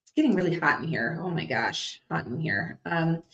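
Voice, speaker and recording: A woman working as a psychic medium, giving a live reading to an audience and thinking out loud as she passes on messages. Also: sits low, lively intonation, normal speed. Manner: chatty, thinks out loud while relaying messages. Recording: echoey, slightly dull recording.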